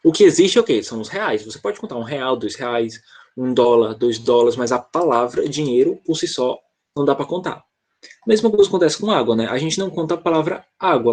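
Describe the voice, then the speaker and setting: A man's voice: medium pitch, darkish tone. A Brazilian man teaching an online English class, explaining patiently and often checking in with the students.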